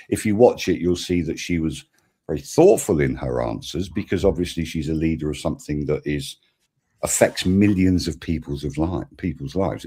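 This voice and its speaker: A man's voice: rumbling low, dark tone, breathy edge. A man hosting a casual panel chat over a video call, rambling and joking, often breaking off mid-sentence. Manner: rambling, self-interrupting, jokey. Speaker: summit host.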